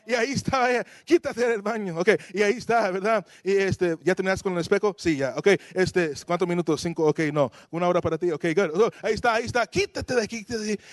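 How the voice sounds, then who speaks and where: Preaching a sermon to his congregation, a man tells stories animatedly, acting out voices and slipping English phrases into his talk. His voice sits high, and the recording is studio quality with no echo.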